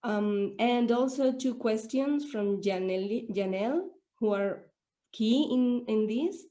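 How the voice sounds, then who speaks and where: Speaking slowly in a mellow, fairly high voice, this audience member poses questions during an online Q&A. She is a non-native English speaker who pauses hesitantly while hunting for the right words.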